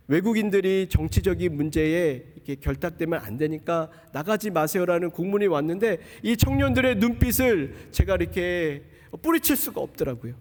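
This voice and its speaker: A high-pitched young man preaches a personal testimony in a church. He tells it as a story and acts out the people he quotes. His voice rings through a sanctuary with a long hall reverb. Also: a little mellow. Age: young adult. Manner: storytelling, acting out quoted dialogue. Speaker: missionary preacher. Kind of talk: sermon testimony.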